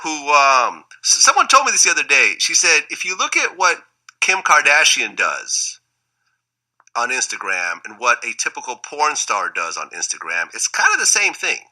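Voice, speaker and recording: A male interviewer with a bright, forceful voice and a lively, swinging pitch. He chats casually and agreeably, with a gossipy way of talking. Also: moderate pace, poor audio.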